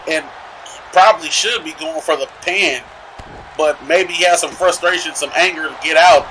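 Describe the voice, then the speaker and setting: A man's voice: a little high, normal speed, sharp tone, raised voice, a little hiss or hum, rough recording. A man giving color commentary on a wrestling match, analysing the strategy and the injuries as the action plays out. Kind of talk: live sports commentary.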